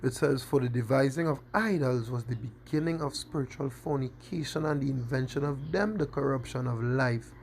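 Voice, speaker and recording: Gravelly preacher repeating "you understand?". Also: male voice, medium pitch, normal speed, hardly any pauses, darkish tone, slight background noise. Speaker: street preacher. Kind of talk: scripture-quoting sermon.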